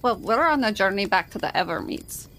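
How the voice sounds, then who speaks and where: A woman's voice: mid-range voice, animated, fairly quick, fairly bright tone, low-quality recording. A woman chatting casually and informally in character as a player in a tabletop game, often repeating words.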